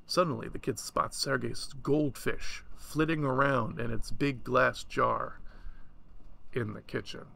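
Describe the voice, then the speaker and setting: A man reading a short story aloud in a relaxed way, stopping now and then for casual asides. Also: mid-range voice, a little slow, vocal fry. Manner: relaxed, chatty asides between passages.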